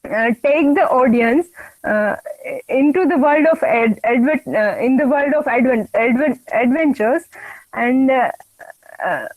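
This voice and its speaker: A young woman, giving a halting class presentation over a video call and often restarting words. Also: high voice, animated, no echo, low-quality recording. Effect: heard over a video call. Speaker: student presenter.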